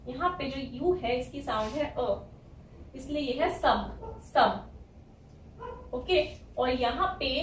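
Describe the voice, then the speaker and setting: An Indian woman teaching English in a high voice, patiently spelling out letters and repeating sounds slowly. She is recorded from some distance in an echoey classroom. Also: slight background noise. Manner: slow, spelled-out pronunciation drills. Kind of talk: spoken English lesson. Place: classroom with a board. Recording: echoey room, mic at a distance.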